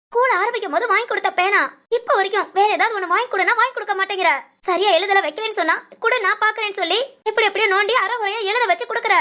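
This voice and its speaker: A woman's voice: very high-pitched, sharp tone. A woman voicing a sulky, selfish ten-year-old boy who whines and complains in a Tamil short story. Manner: whiny, complaining.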